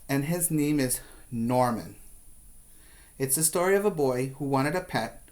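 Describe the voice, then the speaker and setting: A male preschool teacher reads a picture book aloud to young children, adding expressive emphasis and little asides. His voice is medium-pitched.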